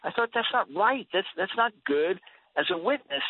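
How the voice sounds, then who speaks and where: A man in his sixties, a guest on a radio interview, speaks in a high-pitched, animated voice at normal speed. He's earnest and emphatic, often repeating words as he begins a thought, heard over tinny, dry phone-line audio.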